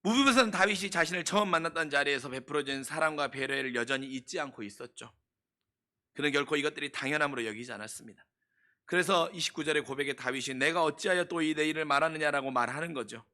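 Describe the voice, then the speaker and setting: A male pastor preaching a sermon earnestly, stressing points with slow, repeated phrases. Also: fairly high pitch, pushed and bright.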